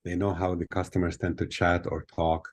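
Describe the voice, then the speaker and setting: A man's voice: sits low, level tone, brisk. An older man born in Tunisia, explaining things thoughtfully with many fillers as a guest speaker on a video call from a hotel room. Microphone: laptop webcam on video call.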